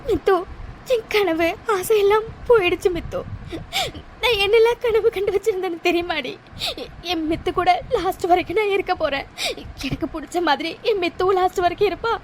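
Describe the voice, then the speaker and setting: A woman's voice: very high voice, brisk, a little hiss or hum. A woman voicing a heartbroken young woman in a cartoon drama, crying and breaking off as she repeats her words. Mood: sobbing.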